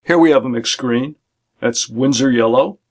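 A middle-aged man, an art instructor, calmly and methodically walks through his painting supplies, listing them one by one. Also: mid-range voice, moderate pace. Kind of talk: instructional demonstration. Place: home art studio, indoors.

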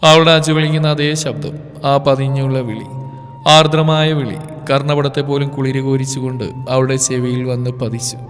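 A man reading a romance story aloud in a slow, emotive narration. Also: medium pitch, fairly even intonation. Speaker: story presenter. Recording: reverb with background music.

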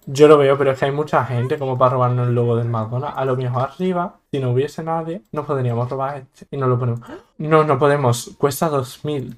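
A man from Spain with a Spanish accent gives joking, exclamatory let's-play commentary on a game and laughs often. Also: medium pitch. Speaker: gaming YouTuber.

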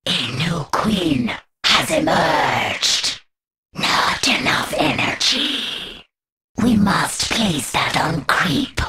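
A woman playing a menacing alien insect hive queen as a video game announcer, cold and imperious with a breathy, hissing, deliberate delivery. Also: low voice, very animated, bright, forceful tone, in a whisper, heavily acted. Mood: urgent alarm. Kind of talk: video game announcer alerts, short scripted lines.

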